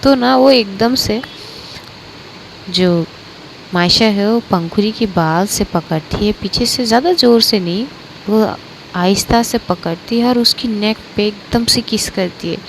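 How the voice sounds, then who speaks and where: A woman's voice: medium pitch, unhurried, slight background noise, poor audio. A woman narrating a romance story aloud in a loose, casual way, with many fillers and restarts.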